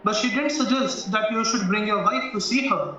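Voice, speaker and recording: In a stage-style courtroom audio drama, a man plays a probing defence barrister who is shrewd, formal and deliberate, with a measured mood. His voice is high and forceful. The recording sounds dull and very echoey, as if far from the mic, with music underneath.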